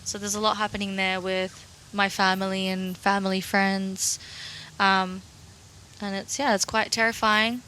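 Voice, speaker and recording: A woman's voice: mid-range voice, level tone, measured pace, bright, forceful tone, slight background noise. A young woman from Russia co-hosting a podcast, chatting casually and laughing easily. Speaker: podcast co-host. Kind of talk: casual chat.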